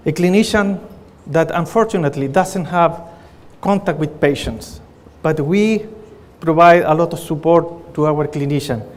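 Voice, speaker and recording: A man's voice: fairly high pitch, unhurried, few pauses. A middle-aged man from Chile with a Chilean Spanish accent, giving an earnest conference presentation as a pathologist, with frequent fillers and restarts. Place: conference hall. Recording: reverberant conference hall.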